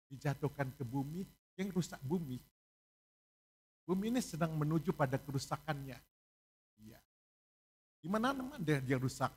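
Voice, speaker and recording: A male pastor preaching a sermon in a church, moving from hushed pleading to loud shouted exhortation. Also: on the high side, breathy edge. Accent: Indonesian. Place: church hall.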